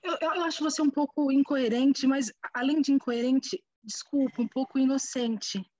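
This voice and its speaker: A woman's voice: sits high, steady tone, moderate pace, a little mellow, lo-fi sound, close to an everyday voice. A woman playing an exasperated woman who insists and repeats herself, thinking aloud over a video call. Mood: arguing. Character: exasperated woman fed up with nonsense. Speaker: theatre workshop participant.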